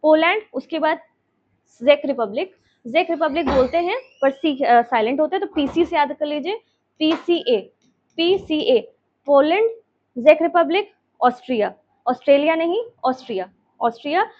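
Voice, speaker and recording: A woman's voice: sits high, lively intonation, moderate pace, highs cut off. A woman teacher explaining a map lesson, repeating names and checking in with her students.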